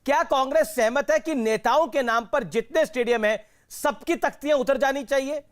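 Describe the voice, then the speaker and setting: High-pitched Indian male debate host, pressing. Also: moderate pace. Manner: interrupting, pressing, repeats himself. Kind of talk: heated TV debate moderation.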